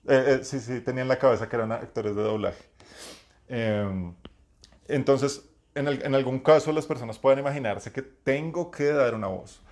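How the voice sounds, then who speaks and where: A man with a deep voice, hosting a live talk and giving game-master advice in a reflective way, with many fillers and restarts. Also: a little mellow. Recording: lower-quality live stream.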